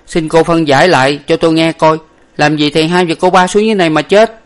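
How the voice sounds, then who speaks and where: A man voicing a clumsy, panicky young male servant in a storybook, with a loud, flustered manner. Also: a little high, fairly even intonation, fast, voice pushed up, lightly acted.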